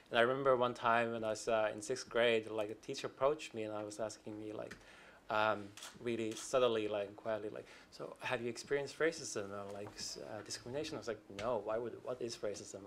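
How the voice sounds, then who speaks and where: A man's voice: lowish voice, a little hiss or hum. A man, answering as a panelist at a conference, talking conversationally with many fillers and restarts. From Finland. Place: conference hall.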